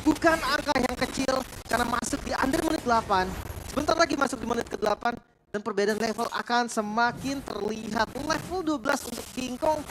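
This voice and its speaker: A woman giving conversational, analytical esports commentary, explaining the play in an informal way. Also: on the high side. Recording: clearly noisy game broadcast.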